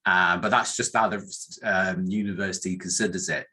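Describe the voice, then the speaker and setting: A deep, steady, sharp-toned voice at a moderate pace belongs to this middle-aged statistician from northern England. Speaking with a northern English accent in an informal career talk, he wanders, downplays himself and often begins his sentences anew.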